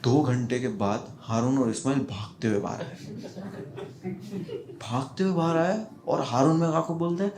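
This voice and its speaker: A man doing stand-up, telling a childhood story in an animated way and acting out his friends' voices. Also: medium pitch, normal speed, long pauses. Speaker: stand-up comedian.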